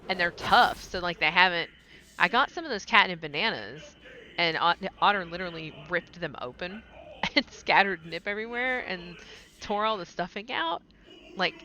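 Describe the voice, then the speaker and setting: A woman's voice: lowish voice, bright, forceful tone. A woman streaming a game and chatting casually, rambling and laughing often. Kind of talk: casual gaming stream chat.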